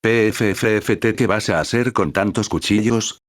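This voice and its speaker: A man's voice: lowish voice, normal speed, dry recording, studio quality, close to an everyday voice. A man reading the lines of a teasing young albino woman chef, in a mocking tone.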